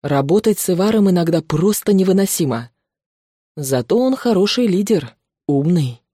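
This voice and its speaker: A woman's voice: fairly low pitch, lively intonation, normal speed, warm tone, husky, no echo, studio quality. A woman voicing a flirtatious younger male werewolf in a storybook reading, teasing in manner.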